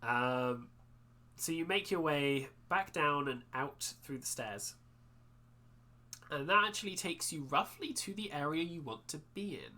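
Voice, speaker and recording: A man narrating as dungeon master of a tabletop game, chatty and quick to laugh. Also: on the high side. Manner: lively, laughing often while describing the scene.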